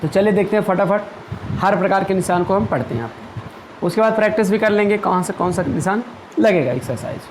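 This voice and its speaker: A man's voice: high-pitched, a little hiss or hum, poor audio. A man teaching a grammar lesson, explaining patiently step by step with everyday examples and often checking that students follow. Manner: reads English example sentences slowly; checks in with "ठीक है" and "clear".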